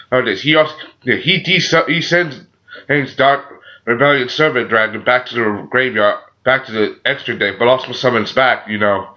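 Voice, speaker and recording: A man with a sore throat gives a casual, unscripted review as a channel host, halting and often repeating himself with frequent filler phrases. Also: lowish voice. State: sore throat, a little sick. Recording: dull, muffled lo-fi audio.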